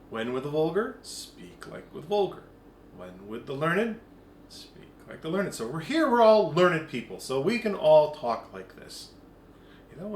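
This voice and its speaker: A man with a high, lively voice leads a casual spiritual talk, swinging up and down as he acts out quick quoted voices. He is recorded in an echoey room with a faint hum behind him. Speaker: spiritual group leader. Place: meeting room.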